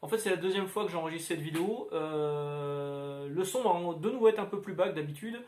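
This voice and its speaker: A man with a slightly high voice chats casually about his week's comics, hesitating and wandering between thoughts. He talks into a standalone mic in a roomy, echoey room at home. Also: a little fast, darkish tone. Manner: rambling, many filler sounds. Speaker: comics video host. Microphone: standalone microphone.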